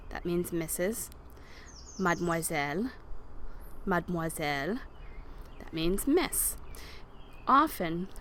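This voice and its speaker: A woman teaching a beginner French lesson, patiently explaining and modeling words slowly for learners to repeat. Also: on the low side, slight background noise. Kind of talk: recorded language lesson over slides.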